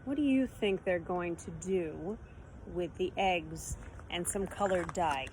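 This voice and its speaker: Reading a picture book to children, this woman speaks slowly in a voice on the low side. She is expressive and teacherly, pausing to explain words and pose questions to her listeners, and faint background noise sits under the recording.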